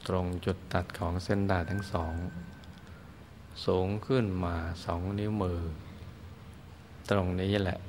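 A man teaching Buddhist meditation, guiding listeners gently and soothingly in short phrases with long pauses. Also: deep voice, level tone, slight background noise. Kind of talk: guided meditation instruction.

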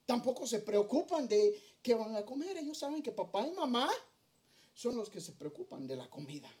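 A man's voice: extremely high pitch, sing-song, normal speed, dark tone. A middle-aged male pastor preaching a sermon, earnest and storytelling as he addresses his congregation.

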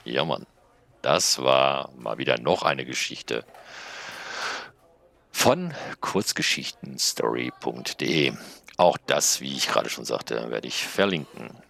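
A man's voice: extremely low pitch, lively intonation, slow pace, vocal fry, pushed and bright. A man hosting his channel, chatting casually and hesitantly with many fillers before and after reading a story aloud. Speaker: channel host reading stories.

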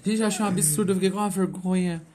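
Animated Brazilian man telling stories. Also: high-pitched, racing, crowd noise. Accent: Brazilian Portuguese. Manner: animated storytelling with frequent exclamations. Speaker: podcast co-host. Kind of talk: casual chat among couples.

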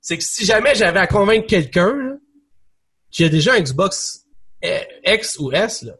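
A young man with a Quebec French accent, co-hosting a casual gaming chat, rambling and animated with many restarts. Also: high voice, moderate pace, breathy edge. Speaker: podcast co-host.

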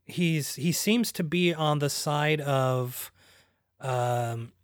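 A man's voice: a little high, extremely slow, no room sound, studio quality. A man chatting about a film, searching for words with lots of ums and restarts. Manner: hesitant, many ums and restarts. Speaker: podcast co-host. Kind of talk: casual film discussion.

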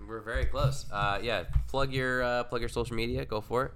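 A man hosting a casual podcast with an easygoing manner. He talks quickly and keeps the chat loose and relaxed. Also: mid-range voice, a little hiss or hum. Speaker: podcast host.

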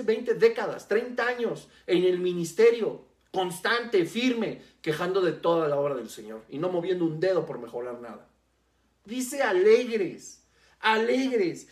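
A preacher delivering a sermon, stressing key words by slowing down and repeating them. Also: medium pitch, a little mellow. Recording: roomy echo.

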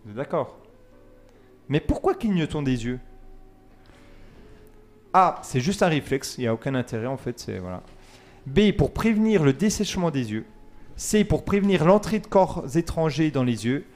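A man's voice: fairly high pitch, very animated, moderate pace, pauses often, darkish tone, faint music behind. A man hosting a casual radio quiz, reading multiple-choice questions, counting down and joking with his co-hosts. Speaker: quiz host.

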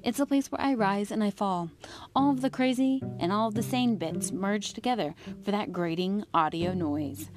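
A woman's voice: mid-range voice, moderate pace, music in the background. An American woman hosting a personal audio diary podcast, talking casually and candidly in an informal, chatty monologue with frequent asides.

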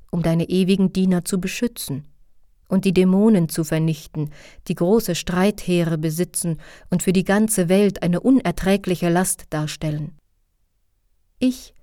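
A woman's voice: lowish voice, steady tone, measured pace, dark tone, no echo, studio quality, close to an everyday voice. A woman voicing a humble, repentant male king of the heavens, reading his devout prayer in an audiobook. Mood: humble pleading.

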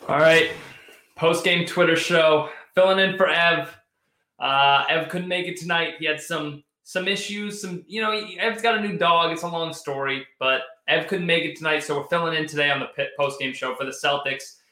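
A man hosts live sports commentary in a conversational, off-the-cuff way, doubling back on words as he thinks. His voice is bright and slightly high, with a roomy echo around it. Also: normal speed. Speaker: sports show host. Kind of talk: live post-game commentary, answering chat.

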